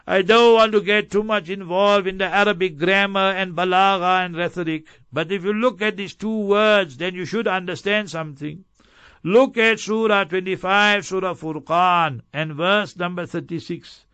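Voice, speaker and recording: A man's voice: sits high, bright, forceful tone, clean tone, no room sound. A man teaching a Quran commentary lesson, swiftly chanting each verse before explaining it with emphatic strings of synonyms.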